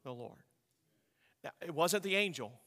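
A man's voice: a little high, expressive, normal speed, bright, forceful tone, long reverb tail. A male pastor preaching a sermon, emphatic, repeating his words and asking his congregation rhetorical questions.

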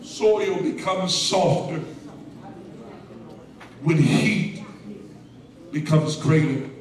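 A man preaching a call-and-response sermon, shouting in a sing-song cadence with frequent "uh" pauses. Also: fairly high pitch. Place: church sanctuary. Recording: very echoey church from far off. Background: responding congregation.

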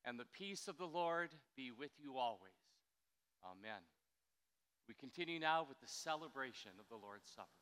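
A pastor leading communion in a church sanctuary, his voice trailing off into a long cathedral echo. He is a man with a slightly raised, bright and smooth tone. He speaks in a measured, reverent way with slow pauses. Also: mid-range voice, lively intonation.

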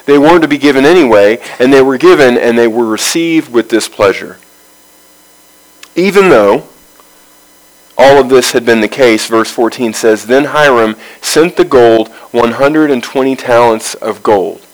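Male Bible study teacher, mid-pitched, reads a verse then unpacks it, measured phrasing with pauses. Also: poor audio. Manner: reads scripture aloud, then explains it verse by verse.

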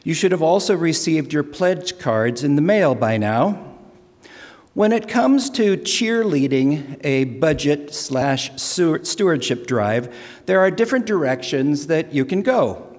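A man's voice: a little high, darkish tone. Older man telling folksy jokes in church. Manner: folksy joke-telling, self-deprecating asides. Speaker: lay speaker for stewardship drive. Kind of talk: humorous church announcement with jokes. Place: church sanctuary. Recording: long church reverb.

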